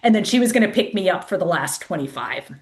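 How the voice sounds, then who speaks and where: A woman's voice: on the low side, animated, fast talker, a little mellow. A woman guest telling a casual story in chatty speech, full of "like", acting out the voices of the people she quotes. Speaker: guest, race director.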